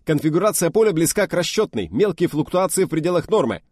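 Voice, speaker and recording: A man voicing an eager young male officer who barks out crisp military reports. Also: on the high side, expressive, fast, a little mellow, no echo, clean studio sound, pitched above the performer's own voice. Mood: barking reports.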